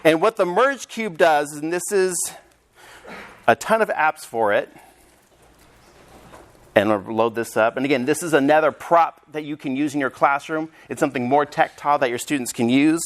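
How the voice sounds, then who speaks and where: A man presenting a hands-on teacher training workshop, upbeat and energetic as he demonstrates to a room of teachers. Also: a little high, moderate pace. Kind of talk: live teacher training session. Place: conference room with audience.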